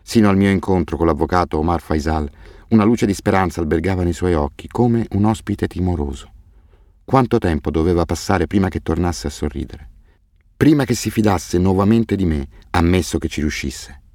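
A man narrating a novel in the first person, with a measured, softly subdued reading. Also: deep voice, no echo, studio quality. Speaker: audiobook narrator. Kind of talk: scripted narration.

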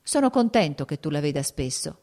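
A woman voicing a calm, successful young male general who speaks in an easy, assured way. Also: low voice, brisk. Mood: friendly.

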